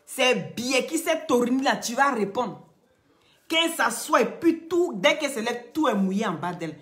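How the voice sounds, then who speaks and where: A woman talking casually to her viewers, animated and scolding, going from loud outbursts to quiet pleading. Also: on the high side. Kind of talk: casual chat, addressing viewers.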